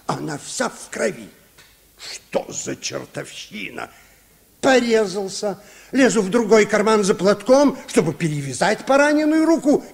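An actor playing a boastful, excitable baron telling tall tales in a theatrical, pompous old radio play manner. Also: male voice, high-pitched, vocal fry, exaggerated voice. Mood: dramatic, alarmed. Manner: theatrical, pompous, wildly dramatic. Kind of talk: mid-century Soviet radio play storytelling. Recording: reverberant old radio drama recording.

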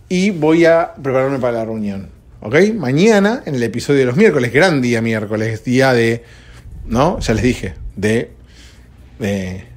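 Sleepy rioplatense guy rambling on his podcast at dawn, loose chatty talk. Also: medium pitch. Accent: Rioplatense Spanish. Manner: rambling, conversational. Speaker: podcast host. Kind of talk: solo podcast chat. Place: home at dawn.

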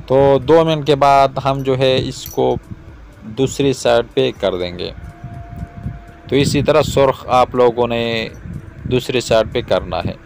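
Cooking host, man, 30s, even mid voice, patient step-by-step explainer, faint outdoor noise. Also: medium pitch, vocal fry. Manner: calm, repetitive explaining, addresses viewers directly. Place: outdoors in a garden yard.

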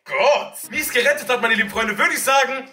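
A young man hosting a comedic reaction video from a dark bedroom, loud and joking, tossing in Turkish slang. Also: very high-pitched, fairly quick, roomy sound, distant mic, a little hiss or hum. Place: dark bedroom studio, indoors.

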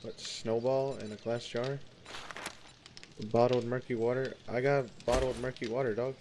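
A man's voice: mid-range voice, flat delivery, moderate pace, background noise. A young man chatting casually and swearing while gaming with friends. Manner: goofy, laughing, swearing. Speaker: gamer streaming with friends.

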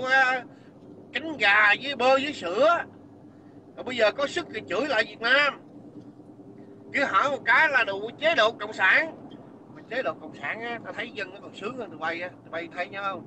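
A man hurls scornful, profane insults in an angry rant. He sounds like he is calling into a livestream. Heavy wind noise whips across the mic outdoors. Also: high voice.

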